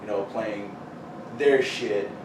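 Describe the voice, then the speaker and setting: A man with a Texan accent, a metal band's bassist, talking haltingly as a guest in casual chat. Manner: halting, full of "you know" fillers. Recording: echoey room, distant mic, noisy.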